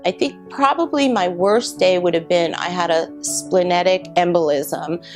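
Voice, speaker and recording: A middle-aged woman telling her own cancer survival story, reflective and halting with many pauses. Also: on the low side. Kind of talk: personal testimony. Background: soft guitar music.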